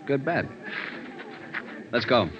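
A man's voice: mid-range voice, very animated, slow, noisy background. An actor playing a blunt male police sergeant who talks in a clipped, businesslike way, in a 1950s radio drama. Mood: brisk. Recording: muffled old radio broadcast.

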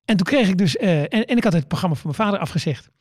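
In a dry recording, a middle-aged male comedian tells animated, rapid-fire stories in casual chat, his voice sitting high and slightly rough. He stumbles, restarts, repeats words, and plays out his own quoted remarks.

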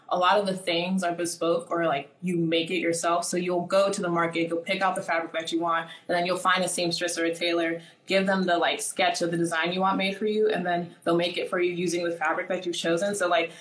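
Her voice sits on the low side with a bit of brightness as she talks in a chatty way, packed with "like" fillers, during an interview. She's in her twenties, Nigerian-born and American-raised, and the low-quality recording sounds roomy.

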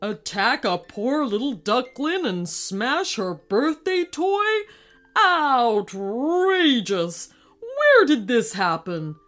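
A woman voicing a blustering, furious male duck king who roars and shouts insults. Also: fairly high pitch, sing-song, very slow, soft background music, exaggerated voice. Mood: outraged.

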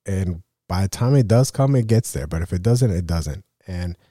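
Recovering from a cold, a man rambles through a casual solo rant on his photography podcast. His low, mellow voice is expressive at a normal speed, and he keeps leaning on "you know" and "right?". The recording is close and dry, with no room sound.

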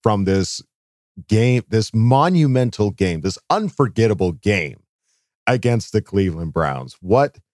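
Hoarse guy on a sports podcast, kinda low voice, rambly and hyped. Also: dry recording, clean studio sound. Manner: rambling, halting restarts; excitable fan energy. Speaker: podcast co-host. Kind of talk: casual sports podcast chat.

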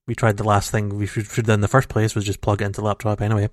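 On this casual gaming podcast, the co-host races along in a fairly low voice that barely moves in pitch, rambling on with lots of restarts and fillers. His home computer mic over a call gives dry, raw audio without room sound.

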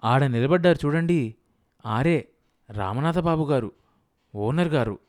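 A man's voice: medium pitch, expressive, measured pace, darkish tone, no echo, clean studio sound, pitched above the performer's own voice, lightly acted. A man doing a polite young serving boy. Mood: deferential. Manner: deferential.

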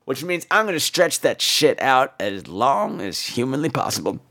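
An American podcast host tells comic personal stories in a campy, theatrical, exaggerated, bluntly profane monologue. His medium-pitched voice is pushed and bright, with big pitch swings at a moderate pace.

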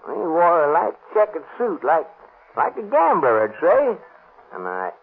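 A wary old prospector who has seen plenty of shooting scrapes. His husky voice rises and falls in a lively, folksy drawl. It comes through a tinny 1930s radio broadcast. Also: fairly high pitch, a little slow, heavily acted. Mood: recounting. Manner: folksy rural Western speech. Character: old male ex-gold miner, wary and plainspoken.

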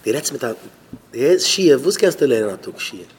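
A man's voice: medium pitch, big pitch swings, fast, slight background noise. A man, a rabbi, giving an informal talk at a Shabbat gathering, repeating phrases and questioning listeners by name. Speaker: rabbi addressing students.

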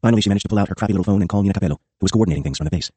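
A man reading a first-person memoir as an audiobook, brisk and matter-of-fact. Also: sits low, dark tone, breathy edge, dry recording. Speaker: audiobook narrator.

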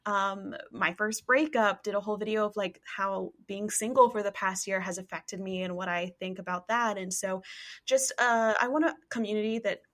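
A woman's voice: mid-range voice, steady tone, moderate pace, a bit bright. A woman of about twenty from East Tennessee, a college YouTuber talking openly and earnestly as a guest, with frequent fillers. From East Tennessee, USA. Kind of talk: casual interview chat.

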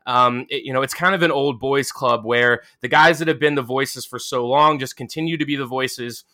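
A man's voice: medium pitch, moderate pace, pushed and bright. A man hosting a casual podcast interview, chatty and joking, with many fillers and restarts. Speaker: podcast host.

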